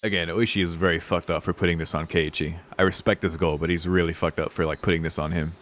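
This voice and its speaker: Deep-voiced and flat in delivery, this man talks fast, and the sound is a bit bright. He's streaming a visual novel, alternating between reading its lines aloud and swearing his way through emotionally engaged, laid-back commentary.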